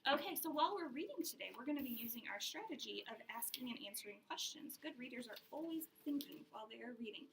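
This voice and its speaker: A young woman teaching a small reading group in a classroom, speaking in a patient, encouraging, clear way. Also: high-pitched, lively intonation, fast talker, few pauses, a bit bright. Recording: distant mic with faint room noise.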